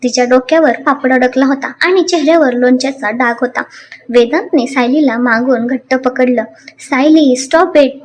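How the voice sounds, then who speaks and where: A woman narrating a dramatic story in an expressive, animated way. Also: sits high, moderate pace.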